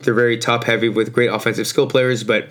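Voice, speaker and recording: A man hosting a casual sports podcast in slangy, informal talk, his voice hoarse and worn out as if from yelling. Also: mid-range voice, level tone, a little fast. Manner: informal, slangy, mildly profane. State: hoarse, voice shot from overuse. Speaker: podcast host.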